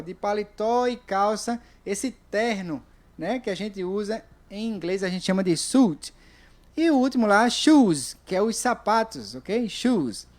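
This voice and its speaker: Brazilian woman, English teacher, online lesson, slow repetition, frequent check-ins. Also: medium pitch, a little mellow. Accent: Brazilian Portuguese. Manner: repeats words slowly, checks in with "ok?".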